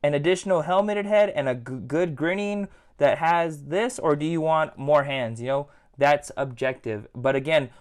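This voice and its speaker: A man giving a casual, rambling toy review at home, leaning on filler words like "again" and "like". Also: a little high. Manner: chatty, rambling, repeats "again" and "like".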